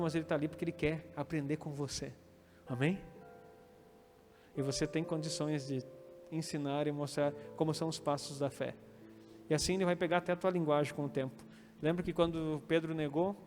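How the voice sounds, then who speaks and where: A man's voice: fairly high pitch, darkish tone. A man with a Brazilian Portuguese accent preaching a sermon as pastor, acting out quoted lines and calling for amens. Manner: preaching with quoted dialogue and calls of amen. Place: church hall. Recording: reverberant hall with faint music.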